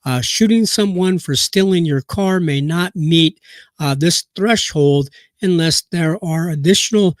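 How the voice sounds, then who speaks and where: This boxing news live stream is hosted by a man from Nebraska whose voice, on the high side, is rasped by a cold. He reads haltingly with lots of fillers and restarts, and there is no room sound.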